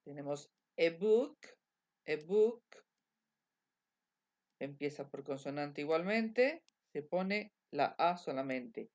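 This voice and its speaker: A woman teaches English grammar, moving between two languages. She speaks very slowly in a somewhat low voice. She says each example again and again. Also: animated, a little mellow. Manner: slow, repetitive drilling of examples. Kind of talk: bilingual grammar lesson.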